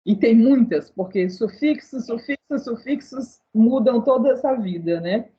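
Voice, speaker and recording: A woman's voice: on the high side, measured pace, lo-fi sound. A woman hosting a casual interview, chatty and asking long, winding questions. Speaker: interview host.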